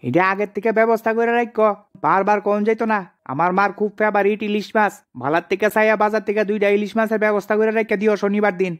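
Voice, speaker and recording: A man voicing a demanding village wife, loud and insistent. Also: high voice, fairly even intonation, fast, voice pushed up, close to an everyday voice.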